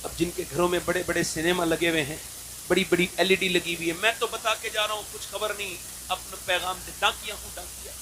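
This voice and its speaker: A man preaching a devotional sermon, swinging from fervent shouts to hushed storytelling. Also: sits high, flat delivery, fairly quick, slight background noise, low-quality recording. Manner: fiery, rising to shouts, then hushed storytelling. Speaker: Islamic preacher.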